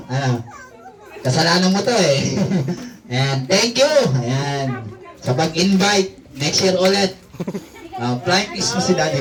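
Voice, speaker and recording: A man's voice: high voice, recorded from a distance. A man hosting a party game, teasing and chatty, often laughing and counting down to the crowd. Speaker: party emcee.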